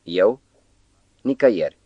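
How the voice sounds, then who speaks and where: A man voicing a brooding foreign professor, low-voiced. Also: expressive, dry recording, dull audio. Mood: sly. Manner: swings from melancholy to emphatic, pleading. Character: eccentric foreign professor, mysterious, theatrical, middle-aged man.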